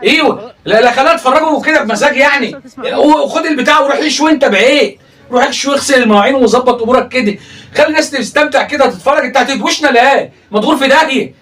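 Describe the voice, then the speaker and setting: A man's voice: very high voice, racing, fairly bright tone, far from the mic. A man with an Egyptian accent giving teasing comedic commentary on a livestream, laughing often and breaking into exclamations. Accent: Egyptian Arabic. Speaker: comedic reaction host. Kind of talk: mocking reaction commentary on a livestream.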